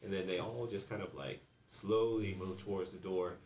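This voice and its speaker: A man narrates a tabletop role-playing session as game master, with frequent hesitations and fillers. His voice sits very low. He sounds distant in an echoey room, with music playing underneath. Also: fairly even intonation, moderate pace, darkish tone, a little hiss or hum. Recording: roomy, distant mic, music behind.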